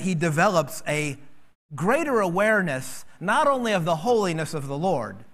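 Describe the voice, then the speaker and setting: A man preaching a sermon as pastor, animated and acting out quoted voices. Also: on the high side.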